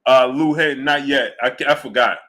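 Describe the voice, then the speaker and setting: A man hosting a sports channel live stream chats casually, reading out super chats and retelling stories in an animated way with lots of laughter. His voice is mid-range and his pace moderate.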